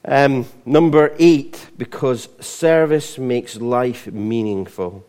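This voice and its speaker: A man's voice: mid-range voice, slow pace, darkish tone. A middle-aged Scottish man preaching a sermon in a conversational way, often restarting and repeating words as he goes. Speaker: pastor.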